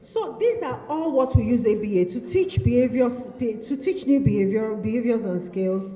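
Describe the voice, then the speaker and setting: A woman's voice: a little high, animated, normal speed, dark tone. A woman running an interactive workshop, repeating and affirming answers from the audience and teasing participants playfully. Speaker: workshop facilitator. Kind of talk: interactive training session. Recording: echoey hall, dull lo-fi sound.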